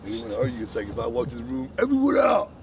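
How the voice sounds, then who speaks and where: A young adult man vlogging in a casual chat, telling a story in an animated, slangy way with lots of fillers. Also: mid-range voice, very fast, recorded from a distance, a little hiss or hum.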